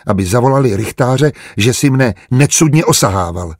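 A man voicing a bold, sharp-tongued traveling woman in an audiobook, speaking sarcastically with a husky voice. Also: mid-range voice, expressive, no echo, studio quality. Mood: sly. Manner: sarcastic, biting.

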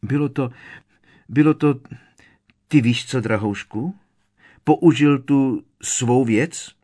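A man voicing a shrill, fussing aunt who coos and frets over her son in a high, frantic voice. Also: mellow, natural voice. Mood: anxious.

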